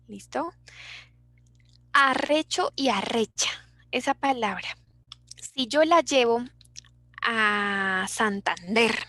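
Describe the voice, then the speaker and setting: A woman's voice: on the high side, a bit bright, no echo. A young Colombian woman with a Bogotá accent, teaching an online class in a chatty way and reading out her students' answers. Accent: Bogotá Colombian Spanish.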